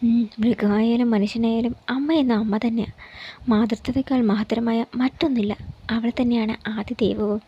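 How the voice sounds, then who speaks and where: A woman voicing a gentle, teasing young man in love, speaking in a coaxing and earnest way. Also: a little high, fairly even intonation, moderate pace, breathy edge, muffled recording.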